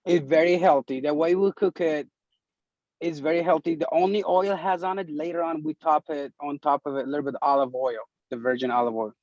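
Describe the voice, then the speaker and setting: A man from Turkey with a fairly high voice explains his dishes in an eager, earnest way. The sound is dry and a little dull. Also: fairly even intonation, fairly quick, darkish tone, dry recording. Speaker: restaurant owner. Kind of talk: casual interview talk.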